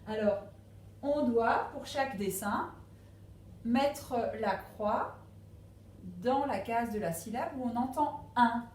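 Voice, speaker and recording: Slow, patient woman teacher in an echoey room. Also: on the high side, a little mellow, recorded from a distance, slight background noise. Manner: slow, patient, stresses each syllable. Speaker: primary school teacher. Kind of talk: remote phonics lesson for young children. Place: classroom with a board.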